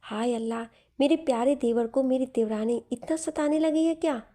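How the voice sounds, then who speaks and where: Storybook casting: a woman playing a playful, teasing young woman, high and mellow. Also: normal speed, natural voice. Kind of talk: storybook narration.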